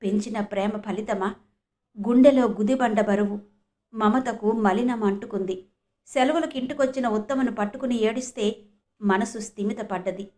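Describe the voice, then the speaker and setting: A woman from India reads a story aloud, steady and expressive. Her voice sits fairly high. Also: normal speed. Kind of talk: audio story narration.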